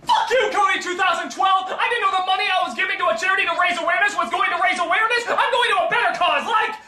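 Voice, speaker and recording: A man playing an excitable, gullible internet viewer in a comedy sketch, shouting in a frantic way. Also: very high-pitched, quick pace, echoey room, distant mic. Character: excitable gullible adult man, easily swayed.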